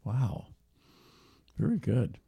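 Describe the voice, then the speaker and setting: A man's voice: medium pitch, big pitch swings, slow, creaky, warm tone, husky. A man hosting an interview, asking friendly questions and chatting along with short replies. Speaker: interview host. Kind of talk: conversational interview.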